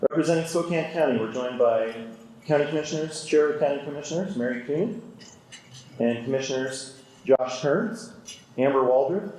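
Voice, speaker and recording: A man's voice: mid-range voice, moderate pace, darkish tone. A man speaking at a podium microphone as emcee of a civic event, steadily announcing names and partners in a formal way. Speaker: chamber of commerce president and event emcee. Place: large indoor event hall. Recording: echoey hall PA sound.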